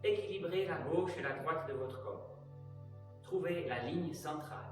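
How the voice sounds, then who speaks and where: A man teaching an aikido class, giving calm, measured cues for breathing and movement. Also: fairly high pitch. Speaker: aikido instructor. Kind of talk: guided exercise instruction. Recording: very echoey room, distant mic, faint music.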